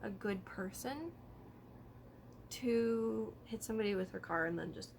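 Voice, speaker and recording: Woman vlogger just chatting to camera, kinda thinking out loud, noisy background. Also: mid-range voice, unhurried, vocal fry. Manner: informal, hedging, thinking aloud. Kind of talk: casual chat to camera about true crime.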